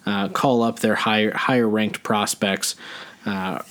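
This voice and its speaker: A man's voice: on the low side, fairly even intonation, unhurried, a bit bright. A man co-hosting a podcast, talking sports in a rambling, casual way with lots of fillers and restarts. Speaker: podcast co-host.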